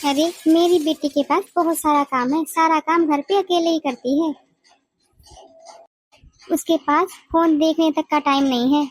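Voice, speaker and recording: A woman's voice: high-pitched, steady tone, unhurried, no echo. Woman voicing a nagging cartoon mother-in-law. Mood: scolding. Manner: nagging, scolding. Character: bossy, scolding older mother-in-law.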